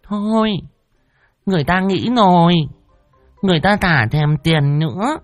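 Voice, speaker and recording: A man voicing an unkempt, lovesick madwoman who talks in a shrill, wheedling, coy way. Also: a little slow, dry recording, soft background music.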